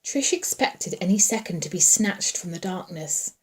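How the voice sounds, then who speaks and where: A woman reading a horror novel aloud in a hushed, suspenseful way, dropping at times to a whisper. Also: fairly low pitch, lively intonation, moderate pace. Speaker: audiobook reader.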